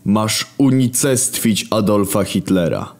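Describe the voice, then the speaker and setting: A man voicing an almighty, wrathful male creator god who speaks slowly and solemnly. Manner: slow, booming and solemn.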